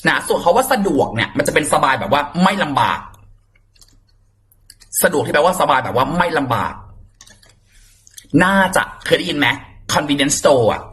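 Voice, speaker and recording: A man teaching English vocabulary in a casual, playful lesson, chatting warmly and repeating and spelling out words for his students. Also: a little high. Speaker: English exam tutor.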